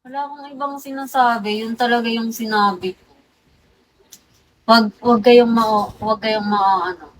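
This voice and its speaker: A young woman hosting a livestream, hoarse, teasing her viewers and quickly laughing off her own remarks with apologies. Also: fairly high pitch, fairly even intonation, a little hiss or hum, poor audio. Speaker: livestream host. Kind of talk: casual livestream chat with viewers.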